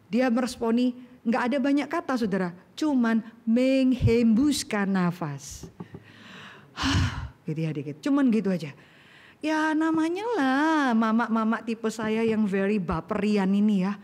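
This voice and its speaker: A middle-aged woman preaching a sermon, animated and acting out voices in everyday slang. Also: a little high, normal speed. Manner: animated, acts out voices in colloquial Jakarta slang.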